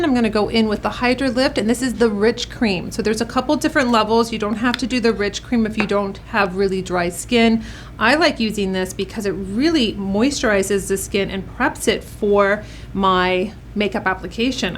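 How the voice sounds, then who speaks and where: A little hiss or hum runs under the recording as a woman with a mid-range voice hosts a makeup tutorial. As the makeup artist, she speaks to her viewers like an upbeat, encouraging coach.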